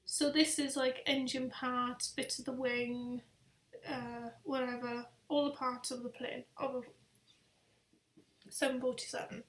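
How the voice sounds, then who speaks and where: A high-voiced woman runs a casual quiz for her viewers. She sounds tired and chatty, reading questions slowly and looping back over them. Her voice rings in a noticeably echoey room. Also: flat delivery. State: tired, yawning. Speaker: quiz host on a live stream. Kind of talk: casual live-stream chat.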